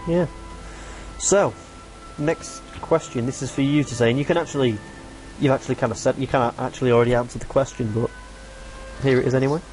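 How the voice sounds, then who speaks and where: A man's voice: mid-range voice, fairly even intonation, a little fast, long pauses, darkish tone, faint music behind, rough recording. A young man hosting a casual podcast chat, rambling and restarting his sentences and swearing casually. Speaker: podcast host.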